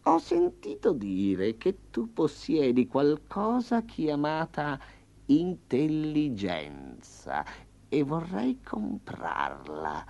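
A man voicing a smug, hungry male tiger with a slow, low, purring growl in a storybook reading. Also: huge pitch swings, creaky, warm tone, full character voice. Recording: slightly dull lo-fi.

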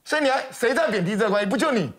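In a television studio, a man with a Taiwanese Mandarin accent rants as a political commentator, dripping with scorn and sarcastic rhetorical questions. His extremely high, slightly bright voice is animated and very fast.

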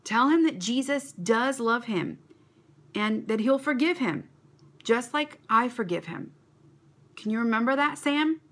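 A woman's voice: a little high, animated, unhurried, a bit bright, voice pushed up, heavily acted. A woman voicing an earnest, unsure young schoolboy in a storybook reading.

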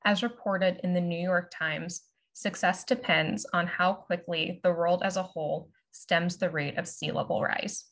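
A woman moderating a virtual panel, reading a prepared introduction aloud in a measured, formal way over a video call. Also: lowish voice, fairly bright tone. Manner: measured, formal presentation of a written script. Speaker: moderator and curatorial assistant. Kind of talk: prepared talk read aloud.

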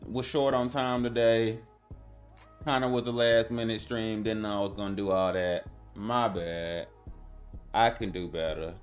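A man's voice: fairly low pitch, unhurried. A young man hosting a live stream, chatting casually in slang with his viewers, with instrumental music playing behind him. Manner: laid-back slangy banter with chat, rising to excited hype.

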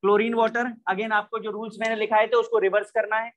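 Man, chemistry teacher from India, lecturing, step-by-step explanations, high-pitched. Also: level tone, quick pace, a bit bright, poor audio. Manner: explains step by step, mixing English terms, asks students to check. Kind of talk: online class lecture.

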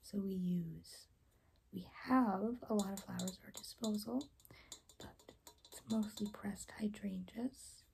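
A young woman in a whispered role-play as a caring rainbow fairy, speaking in a gentle, reassuring, breathy whisper. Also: medium pitch, a little slow, slight background noise. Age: young adult. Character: caring, soft-spoken rainbow fairy guide. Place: small room indoors.

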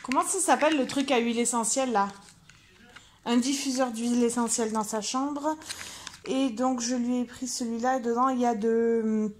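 This vlogger's voice is on the high side, fairly even in intonation and moderate in pace. She talks casually and thinks aloud as she shows off her purchases, starting in a car interior and moving later to a room at home.

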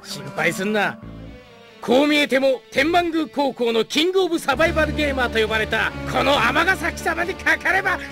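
A man's voice: very high-pitched, very animated, brisk, pushed and bright, full character voice. A man voicing a big, boastful, melodramatic teenage schoolboy who can turn childish, in an anime. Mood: cocky. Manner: blustering, melodramatic. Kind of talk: anime voice acting. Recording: music behind the voice.

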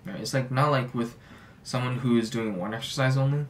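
A young man in his twenties giving gym advice in a relaxed way, full of "like" fillers, in a small home office. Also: medium pitch, fairly quick, recorded from a distance, a little hiss or hum. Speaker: fitness YouTuber. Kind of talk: casual talking-head advice.

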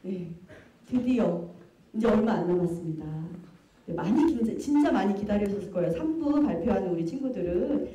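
Rapid-fire woman emceeing in echoey hall. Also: mid-range voice, expressive, warm tone, dull audio. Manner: brisk, chatty, repeated affirmations between sentences. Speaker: contest emcee. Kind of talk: live event hosting. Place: auditorium at a live contest. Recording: echoey hall, distant mic, faint audience.

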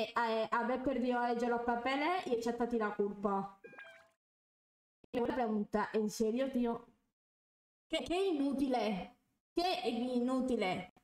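A young woman rants on a casual live stream, swearing and fuming. Her voice sits a little high. The room around her is echoey. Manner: angry ranting, swearing.

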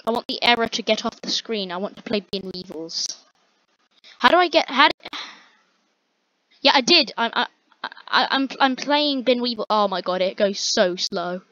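A woman's voice: fairly high pitch, expressive, moderate pace, long pauses, bright, forceful tone, dry recording. Young female gamer, exasperated rambling commentary; muffled, dry home recording. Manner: exasperated, rambling, talking to a friend off-mic. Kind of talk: casual gameplay commentary.

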